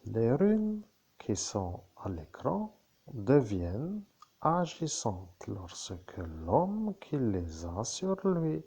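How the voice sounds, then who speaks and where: Slow, gravelly-voiced man giving a spiritual talk. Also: mid-range voice, huge pitch swings, dark tone. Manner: slow, halting, repetitive phrasing. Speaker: medium. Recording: dull lo-fi recording.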